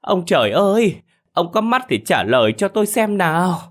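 A man voicing a middle-aged village wife who wails and scolds her husband loudly. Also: high voice, sing-song, normal speed, voice pushed up. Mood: wailing. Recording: faint background music.

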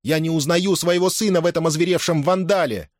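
A man voicing an angry, devout noble mother who scolds her son and a servant in a raised falsetto. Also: a little fast, no room sound, studio quality, close to an everyday voice. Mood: scolding. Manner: scolding, commanding.

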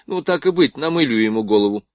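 A man reading the lines of a sharp-tongued, teasing young woman, with a reproachful manner and dry close sound. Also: medium pitch, expressive, fast, no room sound, lightly acted.

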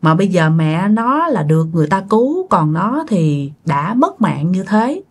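A woman tells a ghost story in a chatty, conversational way. She often turns to speak directly to her listeners, and her voice rises and falls in lively swings. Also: lowish voice, moderate pace, breathy edge.

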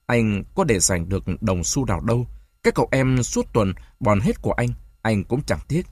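A male audiobook narrator reads a novel with a lively, rising and falling voice. The sound is dry and close, with no room around it. He tells the story steadily and lightly shades the characters' lines. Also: lowish voice, normal speed, breathy edge, no echo.

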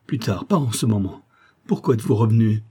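A man's voice: on the low side, animated, fairly quick, mellow, breathy edge. A man reading aloud voices a distraught, proud young noblewoman who pleads emotionally. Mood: pleading.

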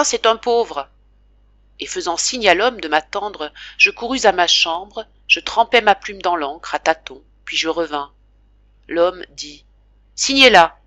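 A woman narrates a classic novel for an audiobook, reading slowly with emotional, dramatic weight. Her voice is bright and ringing, and it is recorded close and dry with no room sound. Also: fairly low pitch, no echo. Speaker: audiobook reader.

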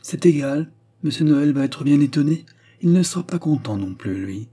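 A man's voice: on the high side, lively intonation, moderate pace, dark tone, breathy edge, voice pushed up. A man voicing an anxious old peasant mother. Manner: anxious, pleading questions. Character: worried peasant mother, older woman.

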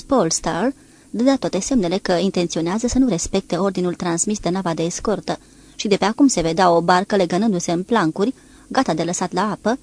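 A woman narrating an audiobook in a steady, even-paced reading voice, lifting her voice a little for shouted dialogue. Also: on the low side.

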